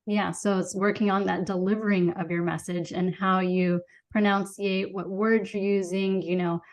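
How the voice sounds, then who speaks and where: A woman's voice: mid-range voice, little pitch movement, normal speed. A woman hosting a podcast, talking in an affirming, conversational way with her guest. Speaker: podcast host. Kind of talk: casual podcast interview.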